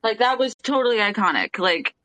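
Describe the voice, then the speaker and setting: A woman's voice: mid-range voice, a little fast, dry recording, low-quality recording. A woman wrestling journalist on a podcast panel, talking in a casual, emphatic way and repeating her points. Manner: emphatic and animated, repeats herself.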